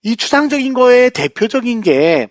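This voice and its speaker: A man teaching English vocabulary in a recorded lecture, lively and playful, often addressing his students directly. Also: very high-pitched, moderate pace, dry recording. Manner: lively lecturing, frequent "자, 여러분" asides, playful jokes.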